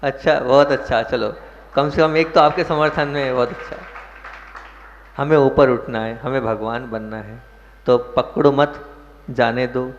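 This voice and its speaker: A man's voice: mid-range voice, fairly even intonation, unhurried, slight background noise. Male monk, sermon, questions the listeners and leans hard on key words, dull echoey hall recording. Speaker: Jain monk preacher.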